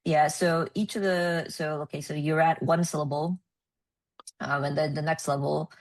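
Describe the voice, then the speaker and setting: A woman presenting at a research meeting, explaining with many ums and pauses. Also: low voice, fairly even intonation. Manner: hesitant, many ums and uhs.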